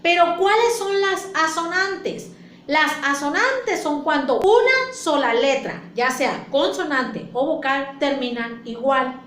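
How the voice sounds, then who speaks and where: Unhurried and patient, a primary school teacher walks her class through a lesson, repeating points and asking questions. Her high voice has lively, widely swinging intonation and a fairly bright tone, heard in an echoey room with faint ambience and a little hiss or hum.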